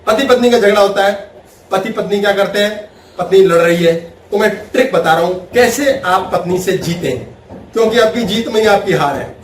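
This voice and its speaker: Man, spiritual teacher, high voice, roomy echo, distant mic, faint background hum. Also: moderate pace. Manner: animated, laughing, acts out everyday scenes. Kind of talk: spiritual talk with Q&A.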